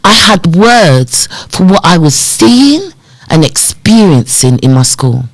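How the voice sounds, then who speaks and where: A woman in her fifties tells her story as a podcast guest, her pitch swinging up and down as she plays out old conversations. Her voice is recorded close and dry, with no room around it. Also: takes it slowly, no room sound, rough recording. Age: 50s. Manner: animated storyteller who acts out remembered dialogue. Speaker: podcast guest, community development worker. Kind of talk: personal storytelling in a podcast interview.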